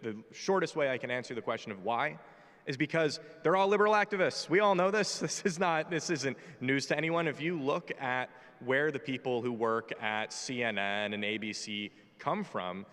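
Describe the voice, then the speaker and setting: Speaking with lively intonation at a normal speed, a man in his twenties from the United States holds forth on a conference panel, brash, joking and opinionated. His voice is mid-range and a bit bright, and the large hall around the stage gives the recording reverb.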